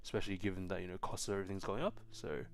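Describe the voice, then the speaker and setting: A young adult man born in China hosts a casual tech live stream, relaxed as he answers chat questions with frequent ums and restarts. His low voice is gravelly and racing.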